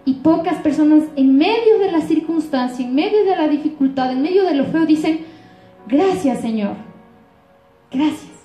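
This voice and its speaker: High-voiced woman pastor preaching, Ecuadorian accent. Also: animated, fairly quick, few pauses, mellow, reverberant, soft background music. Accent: Ecuadorian Spanish. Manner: frequent rhetorical questions to the congregation. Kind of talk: sermon.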